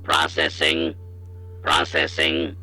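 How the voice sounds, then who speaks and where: A man voicing a stern male bank security computer in a video game, with a robotic, synthesized sound and flat, clipped announcements. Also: a bass voice, takes it slowly, full character voice.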